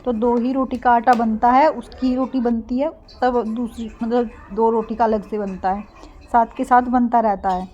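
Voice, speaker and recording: A young woman narrating a casual home cooking vlog, speaking softly and getting a bit breathless when she pushes her voice. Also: fairly high pitch, steady tone, moderate pace, highs cut off. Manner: soft-spoken, gets breathless when speaking loudly. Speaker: vlogger.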